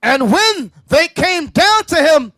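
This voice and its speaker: A man's voice: extremely high pitch, very animated, slow, pushed and bright, dry recording. A man reading Bible verses aloud to a class, declaiming the old-fashioned wording with rising emphasis. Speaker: scripture reader.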